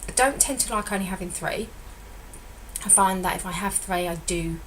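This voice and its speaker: A middle-aged weight loss consultant with a slightly croaky voice gives a chatty, rambling diet vlog update, often correcting herself. She speaks in a mid-range voice at a moderate pace, on a rough recording with slight background noise.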